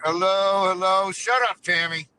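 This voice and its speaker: A man's voice: high-pitched, little pitch movement, a little slow, pushed and bright, clean tone, no room sound. A man calling in from a moving vehicle, his phone audio breaking up, talking in a playful, teasing way. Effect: phone call audio breaking up. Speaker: family member calling in. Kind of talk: casual chat.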